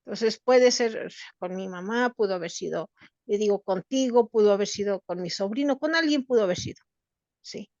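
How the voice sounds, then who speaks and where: Middle-aged Mexican woman, earnest group-session storyteller with a halting delivery, over muffled video-call sound. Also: medium pitch, darkish tone, no room sound. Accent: Mexican Spanish. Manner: earnest, halting, with many restarts. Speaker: workshop participant.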